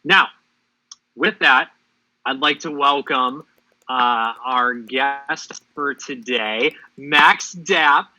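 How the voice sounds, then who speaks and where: A man's voice: mid-range voice, drawn-out words, dry recording, low-quality recording. A man hosting a live interview, upbeat and joking as he welcomes his guest. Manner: upbeat, joking, gives shout outs. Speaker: host of AMA interview.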